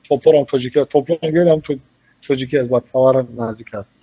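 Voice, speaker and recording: A man with a Tajik accent, a journalist answering in a radio interview, speaking slowly and deliberately as he explains. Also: medium pitch, husky. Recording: muffled radio recording.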